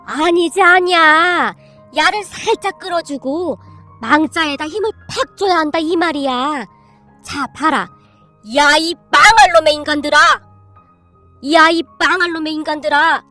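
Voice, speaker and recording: A woman voicing a stern, bossy old grandmother who drawls commands in a rough tongue, read as a storybook. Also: high voice, measured pace, sharp tone, faint music behind. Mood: stern coaching.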